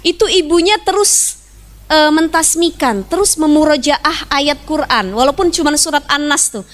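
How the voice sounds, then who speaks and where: A young woman preacher talks to a hall of mothers in a high, bright voice. She jokes, laughs and slips into little impressions of the people in her stories, then eases back into earnest advice. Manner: chatty, joking, laughs often; acts out quoted voices. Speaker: Islamic preacher. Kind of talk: sermon to a women's gathering.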